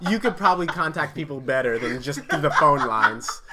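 A woman co-hosting a casual podcast chat, tossing in quick jokes. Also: low-pitched, animated, a loud crowd. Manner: joking, quick quips. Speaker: podcast co-host.

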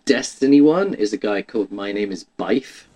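A man's voice: on the low side, animated, moderate pace, mellow, rough recording. A man chatting casually about video games, rambling and restarting his sentences with lots of "like". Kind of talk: casual chat.

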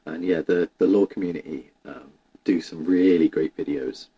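Low husky man in casual chat. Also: moderate pace, dark tone, dull audio. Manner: rambling, restarts often with "like".

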